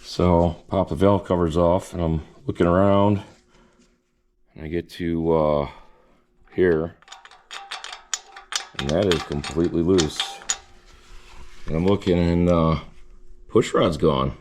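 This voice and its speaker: Deep voiced garage guy, sick and tired, voice going hoarse, slow with lots of uhs. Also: fairly even intonation, darkish tone, slight background noise. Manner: slow, halting, trailing off with many fillers. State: tired and losing his voice from coughing. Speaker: home mechanic and channel host. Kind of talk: casual workshop vlog narration. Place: home garage.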